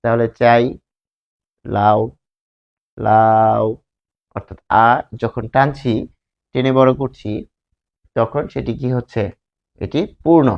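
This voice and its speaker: A man teaching a grammar lesson, explaining slowly and repeating words while drawing out their sounds. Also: mid-range voice, creaky, highs cut off.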